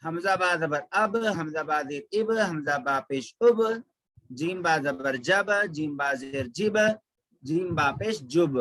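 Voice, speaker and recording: Slow patient guy drilling quran sounds, fairly high voice, repeats every syllable. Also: fairly bright tone, dry recording, poor audio. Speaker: teacher of Quran recitation. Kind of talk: slow tajweed lesson with drilled examples.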